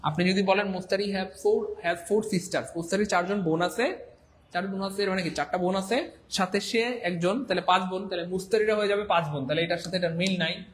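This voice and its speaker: A man's voice: high-pitched, brisk, a little hiss or hum. A man teaching a live online English class, playful and repetitive, and he acts out little scenes.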